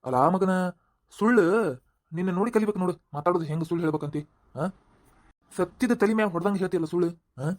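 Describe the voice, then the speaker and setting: A man's voice: high-pitched, fast, long pauses, close to an everyday voice. A man playing a bossy cartoon police inspector. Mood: scolding. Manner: scolding, bossy. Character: gruff hungry male police inspector. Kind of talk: cartoon voice acting.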